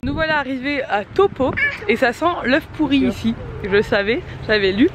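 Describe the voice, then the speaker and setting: Very high-voiced woman vlogging. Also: lively intonation, moderate pace. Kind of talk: casual chat to camera. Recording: noisy outdoor and vehicle background.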